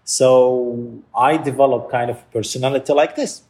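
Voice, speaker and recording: A man from Palestine talks slowly and thoughtfully as an interview guest. He pauses often and restarts sentences while searching for the right words. His voice sits at an ordinary middle pitch. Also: steady tone, darkish tone. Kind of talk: reflective interview talk.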